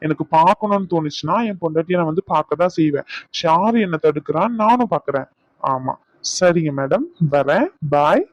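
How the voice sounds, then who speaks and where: A man's voice: on the high side, animated, fairly quick, dry recording, muffled recording. A man voicing a playful, cheeky young husband in a cartoon. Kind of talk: cartoon voice acting.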